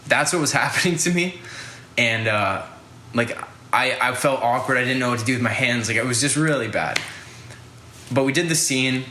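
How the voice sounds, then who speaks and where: A man's voice: mid-range voice, normal speed, pushed and bright, reverberant, a little hiss or hum. A young man hosting a podcast, telling a casual story in a rambling way, full of fillers and swearing. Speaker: podcast host.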